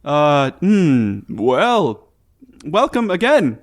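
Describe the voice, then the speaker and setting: A man's voice: a little high, very slow, voice pushed up, heavily acted. A man voicing a vacant, falsely cheerful man with an unfocused, unnatural manner in a tabletop game. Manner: unnatural, flat of nuance, unfocused.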